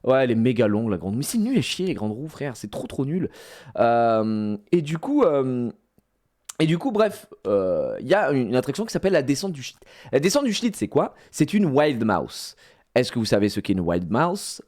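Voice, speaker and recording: Male streamer in his thirties, loose slangy storyteller, lively voice that leaps up and down. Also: mid-range voice, normal speed. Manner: rambling, many fillers and restarts, slangy. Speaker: streamer recounting a theme park outing. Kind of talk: casual live-stream storytelling.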